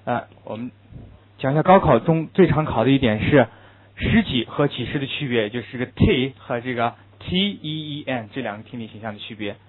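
A male teacher lectures quickly and emphatically, driving home his key points by repeating them. His voice sits in an ordinary middle register. The recording is thin and phone-like. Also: medium pitch, animated. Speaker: English teacher. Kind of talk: classroom lecture.

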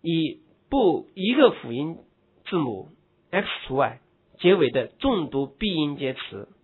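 A man teaching English grammar, slowly explaining spelling rules and spelling words out letter by letter. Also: fairly high pitch, sing-song, slightly rough. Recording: tinny phone-like recording.

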